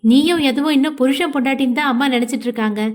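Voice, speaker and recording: Audio-novel part: woman reading a soft-spoken middle-aged aunt, gentle and a little hesitant. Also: high-pitched, rapid-fire, natural voice.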